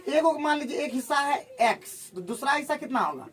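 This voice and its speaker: A man teaching a maths class, firing questions at his students and working sums out loud. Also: very high voice, animated. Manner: drills students with rapid questions while calculating aloud. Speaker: maths tutor.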